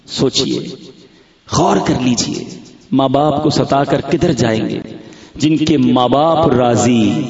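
A man from Pakistan preaching fervently at a large religious gathering, telling stories and acting out dialogues as he addresses his listeners as brothers. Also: a little high. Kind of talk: emotional sermon with storytelling. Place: large gathering near a graveyard. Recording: roomy, slightly dull broadcast recording.

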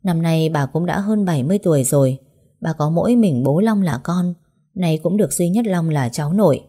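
A woman narrating an audiobook story in a steady way. Her voice sits low and sounds dark and mellow. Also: fairly quick, breathy edge.

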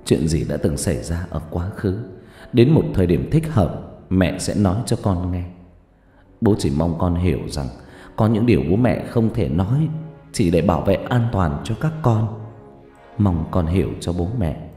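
A man voicing a gentle dying father who reads out his farewell letter in a soft, sorrowful way, with faint music behind. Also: deep voice, expressive, normal speed. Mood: tender, sorrowful. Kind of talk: letter read aloud in a ghost story. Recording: echoey reverb with faint music.

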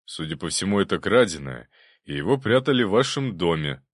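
A man voicing a brisk, eager police bailiff who barks orders in an official tone. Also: low voice, big pitch swings, no room sound, clean studio sound.

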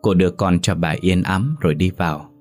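A man narrating a story in a steady audiobook delivery. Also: sits low, fairly quick. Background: faint music.

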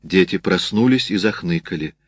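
A man narrating an audiobook in a steady, measured reading. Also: low voice, husky, dry recording.

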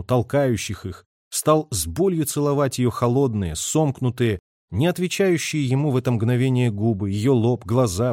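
A man reading a war novel aloud in an expressive, dramatic narration style. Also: medium pitch, no room sound, studio quality. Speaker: audiobook narrator.

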